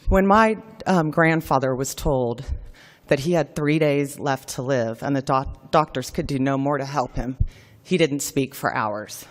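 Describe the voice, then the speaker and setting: A keynote speaker at a forum, a woman, gives a formal speech, graciously and earnestly telling a personal family story. Her voice is very deep and a little slow, with a long reverb tail.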